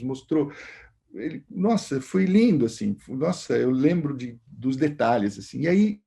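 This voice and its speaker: A man's voice: on the high side, creaky, mellow. A Brazilian man, a guest musician, telling a long rambling anecdote in a casual interview. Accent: Brazilian Portuguese. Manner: rambling anecdotal, many fillers.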